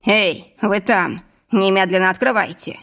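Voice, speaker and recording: A woman's voice: medium pitch, a little slow. Woman doing a menacing male boss. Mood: furious. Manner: threatening, mock-sweet and shouting. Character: menacing middle-aged male boss, villain.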